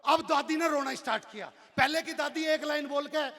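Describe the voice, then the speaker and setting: A man performing comic storytelling as a poet on stage, acting out characters and shouting punchlines. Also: very high voice, a little fast. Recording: long hall reverb from a live stage PA.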